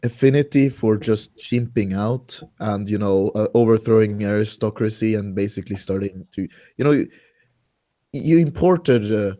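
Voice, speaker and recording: A man's voice: fairly low pitch, moderate pace, mellow, no echo, clean studio sound. A man in casual podcast chat, hesitant, repeating words and slipping in German phrases.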